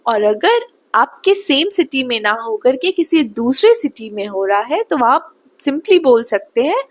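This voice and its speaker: A young woman from Bihar teaching spoken English slowly and patiently, often checking whether the listener has understood. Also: high voice, sing-song. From Bihar, India. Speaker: English tutor.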